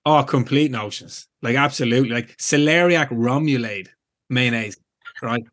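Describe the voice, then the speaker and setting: A man's voice: medium pitch, normal speed, a bit bright. A man in his forties with an Irish accent, a guest chatting casually in a rambling way, full of fillers. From Ireland. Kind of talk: casual chat.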